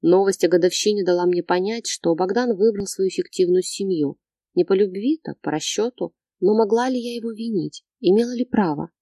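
A woman narrating a novel in the first person in a steady, measured reading. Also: medium pitch, no echo, clean studio sound. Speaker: audiobook narrator.

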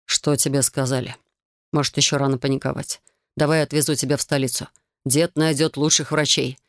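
A woman reading the part of a caring young dragon husband, soft and coaxing, her voice pitched lower than her narration. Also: little pitch movement, a little fast, dry recording, clean studio sound. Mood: worried.

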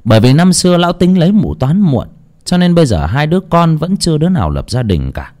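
A man narrating a ghost story dramatically, with an expressive, swooping delivery. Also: a little high, fast.

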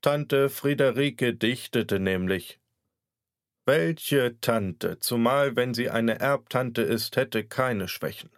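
A man's voice: mid-range voice, slow pace, dry recording, studio quality. A man narrating a satirical story as an audiobook reader, in a wry, theatrical manner. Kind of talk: scripted narration.

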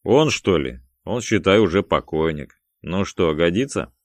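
Calculating male gangster, dry and curt, voiced by a man with a deep, louder-than-narration delivery. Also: animated, measured pace, dry recording. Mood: scheming. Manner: dry, curt, mocking, snapping when angry. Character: cool, calculating male gangster boss of the pair.

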